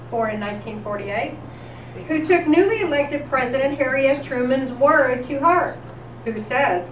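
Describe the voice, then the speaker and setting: At a live senior center event, a female presenter with a high voice narrates a comedic tribute from a script, framed as an old-time radio newscast. The recording is distant, with lots of echo and room noise.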